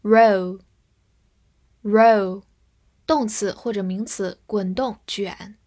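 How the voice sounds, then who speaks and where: A woman teaching English vocabulary in Mandarin, spelling each word letter by letter and reading example sentences slowly for learners to repeat. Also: medium pitch, darkish tone, breathy edge. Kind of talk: Mandarin-language vocabulary lesson.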